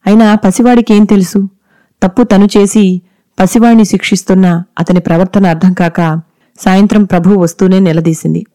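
A woman narrating a scripted story in a steady, measured way. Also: mid-range voice, dry recording.

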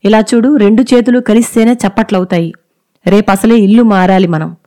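A woman's voice: mid-range voice, fairly even intonation, warm tone, natural voice. A woman voicing a dismissive young husband who speaks brusquely. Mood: impatient. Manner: brusque, hurried.

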